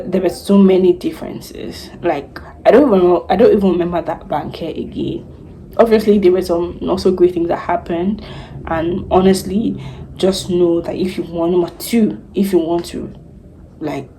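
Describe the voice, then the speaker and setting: A young Nigerian woman vlogs her career story in a chatty, animated way, with laughs between the turns. Her voice sits a little low and sounds mellow and warm. A faint hiss lies under the recording. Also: rough recording. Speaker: vlogger, news anchor. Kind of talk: casual storytime vlog.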